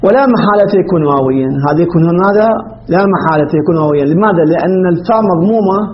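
A man with a high-pitched voice teaches a grammar class. He poses questions to the room and answers them himself. The recording is dull and lo-fi, with a faint hiss behind him. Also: racing.

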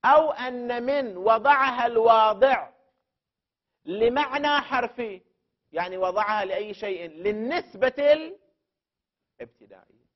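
A man's voice: very high voice, a little slow, pauses often. A man teaching a classroom lesson on legal theory. He builds the argument step by step, repeats key terms for emphasis and puts questions to the student. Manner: addresses the student directly and poses questions. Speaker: teacher of jurisprudence principles. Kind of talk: classroom lecture. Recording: dull lo-fi recording.

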